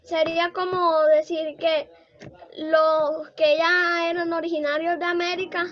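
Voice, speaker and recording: Very high young student voice, hesitant, muffled call audio. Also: female voice, level tone, unhurried. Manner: hesitant, asks questions.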